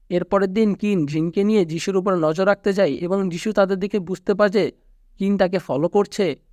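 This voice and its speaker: A man with a Bangladeshi Bengali accent narrating a movie plot recap in a steady storytelling manner. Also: high-pitched, no echo, studio quality. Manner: steady storytelling recap, quoting characters flatly. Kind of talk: scripted narration.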